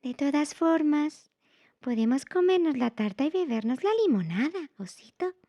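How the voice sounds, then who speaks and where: A woman voicing a gentle mother bear in a storybook, calm and motherly. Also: high-pitched, normal speed, no echo, highs cut off, pitched above the performer's own voice.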